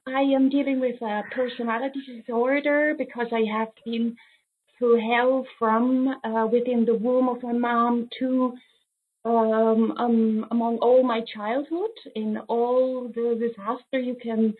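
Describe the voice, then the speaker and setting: A woman in her fifties from Switzerland, calling in while crying, speaking haltingly with many pauses. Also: on the high side, little pitch movement. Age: 50s. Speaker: caller. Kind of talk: call-in question. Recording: tinny phone line.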